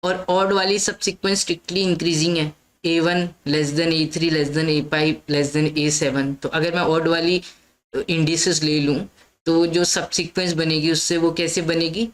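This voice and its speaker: A woman's voice: sits low, steady tone, a little slow, rough recording. A woman teaching a maths lesson, explaining step by step and often checking in with her listeners. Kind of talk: lecture mixing Hindi and English.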